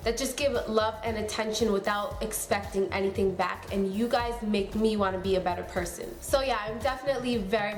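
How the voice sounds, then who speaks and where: A young woman in her twenties, medium-pitched and reverberant, talks to camera from a room at home as a beauty YouTuber. She's casual and chatty, filling her speech with lots of "um" and "like".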